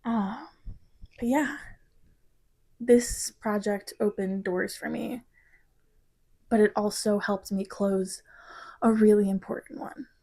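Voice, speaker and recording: Speaking in a steady, mellow, medium-pitched voice, a twenty-something woman who studies design in Missouri talks through her project. The vlog is reflective, and at moments she falters and gets emotional.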